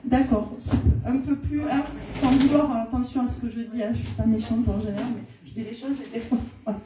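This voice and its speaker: A woman's voice: fairly high pitch, fairly even intonation, quick pace, background noise. A woman with a southern French accent, speaking as a medium to a live audience in a plain-spoken, informal way. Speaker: spirit medium. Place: indoor hall at a live-streamed event. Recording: echoey room, distant mic.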